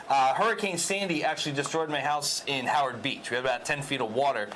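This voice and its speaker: A man's voice: mid-range voice, fast talker, crowd noise, low-quality recording. A man from Queens in his thirties, a political candidate answering TV interview questions earnestly, with many hesitant fillers. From New York, Queens.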